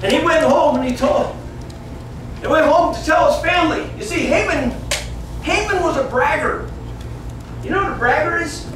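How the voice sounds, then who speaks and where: In a small classroom, a man in his fifties dramatizes a Bible story for children, acting out the dialogue with plain, simple wording. He speaks with an extremely high pitch at a moderate pace, leaving long pauses. The distant camera mic, several metres away, captures echo and room noise.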